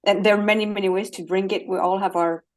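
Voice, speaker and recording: A woman with a French accent, appearing as a guest life coach in an interview conversation, speaks fast in a mid-range voice with a steady tone. She's earnest and animated and laughs easily.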